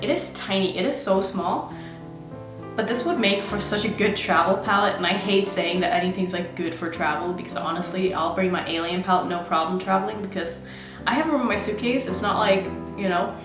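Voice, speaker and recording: Doing her makeup on camera, a Norwegian-raised woman keeps up a chatty running commentary for her beauty vlog. She speaks in a mid-range voice, and the audio has a roomy sound.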